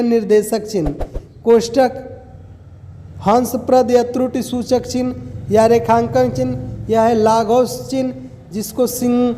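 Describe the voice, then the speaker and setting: A man's voice: very high voice, mellow, a little hiss or hum. A man teaching a grammar lesson step by step, asking questions and then answering them himself. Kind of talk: exam-prep grammar lesson. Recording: long hall reverb.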